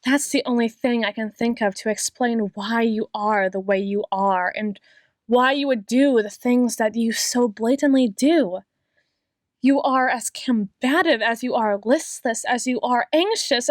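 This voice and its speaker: An audio roleplay performer, a woman, plays an obsessive, menacingly tender doctor in an ASMR roleplay, delivering a deliberate, theatrical monologue with drawn-out words. Her natural voice is on the high side, captured in studio quality with no echo.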